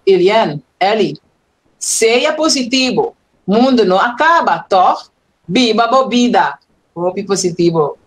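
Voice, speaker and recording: A woman's voice: fairly low pitch, breathy edge, rough recording. A woman hosting an online event, casually reading out viewer messages and short poems and counting their syllables aloud. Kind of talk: casual live-stream chat.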